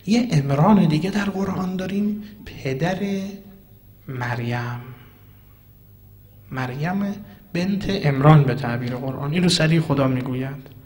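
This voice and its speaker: A man giving a Quranic commentary sermon, swinging between loud emphatic declaiming and hushed, almost whispered asides. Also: medium pitch. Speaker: preacher. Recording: long hall reverb.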